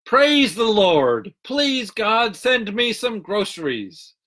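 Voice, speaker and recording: A man voicing a bold, devout church lady who shouts her praise slowly and high. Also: very animated, heavily acted. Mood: pleading.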